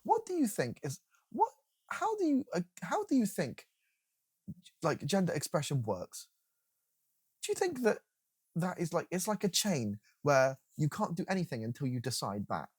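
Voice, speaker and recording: A man talks through a reaction commentary in a sarcastic, incredulous way, swearing casually as he goes. His voice is husky and swings a lot in pitch. The sound is close and dry. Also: huge pitch swings, normal speed, long pauses, no echo. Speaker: commentary video host.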